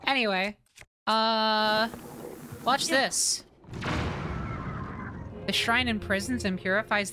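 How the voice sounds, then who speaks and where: A woman streaming a game live, chatting and commentating excitably, swearing, squealing and laughing as she plays. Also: mid-range voice. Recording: game music playing underneath.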